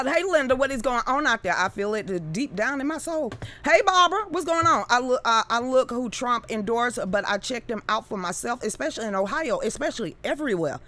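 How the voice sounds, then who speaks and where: In an unscripted live-stream rant, a woman who comments on politics curses often while speaking bluntly and heatedly to her viewers. Her voice sits a little high, with a bright, forceful tone.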